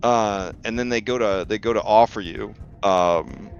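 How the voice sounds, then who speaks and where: Low-voiced, rambling male game master. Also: a little slow, creaky, dull audio, slight background noise. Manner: rambling, joking, profane. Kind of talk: casual improvised tabletop game narration.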